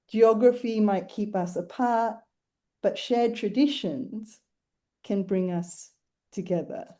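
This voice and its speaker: A woman's voice: fairly high pitch, warm tone. A woman moderator introducing a guest author with enthusiastic praise. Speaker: host, moderator. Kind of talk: introducing a speaker.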